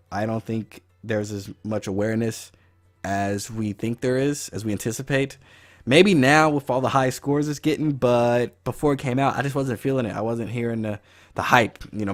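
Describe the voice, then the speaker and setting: A man with a raspy voice from a cold, giving a casual, rambling video game review as the host of his channel. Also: on the low side, steady tone, normal speed. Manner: rambling, loose, with fillers and profanity.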